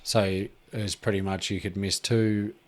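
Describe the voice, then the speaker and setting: A man, hosting a casual podcast chat in a relaxed, rambling way with lots of fillers. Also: lowish voice, normal speed. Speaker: podcast host.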